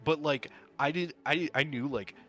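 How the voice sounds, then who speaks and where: A man playing a tabletop game, talking things through in a measured way with many fillers and restarts. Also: on the high side, fairly bright tone. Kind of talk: casual game-night talk.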